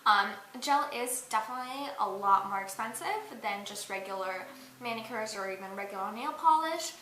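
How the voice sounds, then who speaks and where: A woman's voice: mid-range voice, moderate pace, sharp tone. A young woman vlogging a joking makeup tutorial in a chatty, giggly way, full of fillers. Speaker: beauty and dance vlogger. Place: indoors at a mirror. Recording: echoey room with faint hiss.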